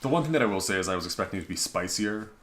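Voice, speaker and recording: Low-voiced man telling travel stories. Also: expressive, very fast, a bit bright. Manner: chatty storyteller, dry jokes, trails off. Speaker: podcast guest. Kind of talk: casual chat.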